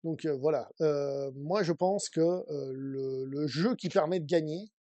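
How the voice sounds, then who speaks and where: Male co-host, fairly high yet mellow voice, dry close sound, joking casual football chat. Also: measured pace, dry recording. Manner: chatty, joking, many fillers. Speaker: podcast co-host.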